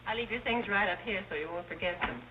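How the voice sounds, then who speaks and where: A tinny, hissy old movie track holds an actress as a wisecracking maid. She fires off screwball comedy banter quickly, wry and sarcastic with a deadpan edge. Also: medium pitch, lightly acted. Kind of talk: 1930s film screwball comedy acting. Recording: thin tinny old film soundtrack, hiss.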